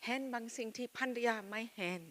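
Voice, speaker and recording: A woman who is not a native speaker of Thai gives a personal testimony as a missionary speaker, speaking in short, halting phrases of simple Thai and pausing for an interpreter. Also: a little high, steady tone, fairly bright tone.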